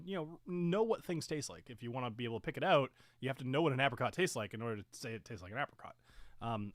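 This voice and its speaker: Animated, rambling man hosting a live tasting. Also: mid-range voice, no room sound. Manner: rambling, animated, with many fillers and self-corrections; talks while chewing and sipping. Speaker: whiskey reviewer hosting a live stream. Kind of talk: casual live-stream tasting chat.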